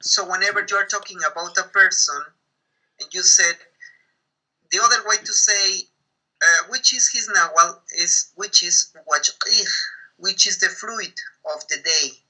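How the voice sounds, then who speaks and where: Bright, high-pitched man explaining slowly. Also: poor audio. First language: K'iche'. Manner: slow, searching for English words, patient explaining. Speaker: Maya spiritual guide, guest. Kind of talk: teaching interview over a call.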